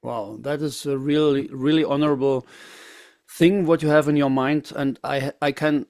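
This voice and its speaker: A German man hosting an interview, not a native English speaker, speaking in a friendly, slightly halting and admiring way. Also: a little high, steady tone, darkish tone, no echo, studio quality. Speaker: host.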